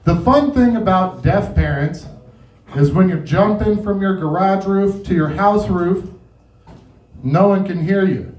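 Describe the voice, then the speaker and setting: At an echoey open mic venue, a man with a high, darkish voice tells rambling, profane stand-up stories in an unhurried way, laughing along as he goes. He's an amateur comic, and the distant mic leaves the sound muffled and echoey.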